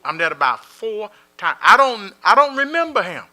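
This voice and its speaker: A man speaking as an imam and chaplain, with a high voice. His tone is bright and sharp. He talks in a relaxed, everyday way and tells folksy stories, acting out the people he quotes. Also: normal speed. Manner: casual vernacular speech. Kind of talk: motivational talk with stories.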